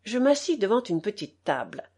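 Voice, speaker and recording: A woman narrating an audiobook in a measured, expressive reading style. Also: gravelly, breathy edge. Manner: slow and measured, with expressive pitch. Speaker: audiobook reader.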